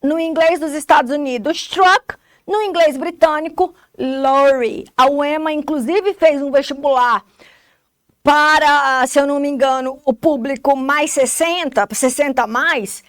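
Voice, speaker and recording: High-voiced Brazilian teacher, dry sound. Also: female voice, unhurried, dry recording. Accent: Brazilian Portuguese. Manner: explains step by step, checks understanding with frequent "tá?". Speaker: English teacher. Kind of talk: recorded classroom lesson.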